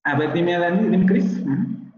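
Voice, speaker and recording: A man with a Mexican Spanish accent gives a university lecture over an online class, his voice sitting a little higher than most men's. He explains patiently and keeps pausing to check that students follow. The sound is heavily echoey and somewhat dull, like a computer mic in a bare room. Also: slight background noise. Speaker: university teacher.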